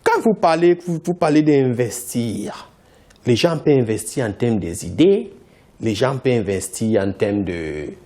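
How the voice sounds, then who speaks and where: Appearing as an interview guest on TV, this founder from Cameroon, a native English speaker, presses his points again and again at a measured pace. He sounds insistent, with a lively pitch.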